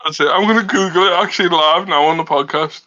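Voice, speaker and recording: A man's voice: a little high, quick pace, bright, forceful tone, muffled recording. A man hosting a podcast in a casual, conversational style. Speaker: podcast host. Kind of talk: casual chat.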